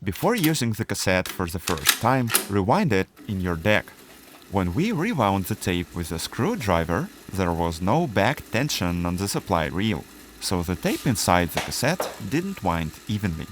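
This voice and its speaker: Hosting a scripted tutorial, a man with a fairly low voice and very varied, animated intonation explains each step methodically at a moderate pace. Background noise can be heard in the recording.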